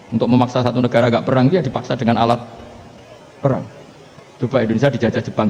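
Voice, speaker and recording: A male Islamic cleric with a Javanese accent and a rather low voice, giving a relaxed, humorous religious lecture. He tells stories, chuckles often and slips local words into his talk. The recording is dull and lo-fi, with a faint hiss behind him.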